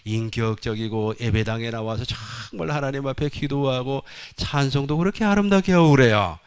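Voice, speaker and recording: Male preacher, mid-pitched voice, insistent repeated points, folksy asides. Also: expressive, moderate pace, clean tone. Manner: emphatic repetition, folksy asides. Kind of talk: sermon.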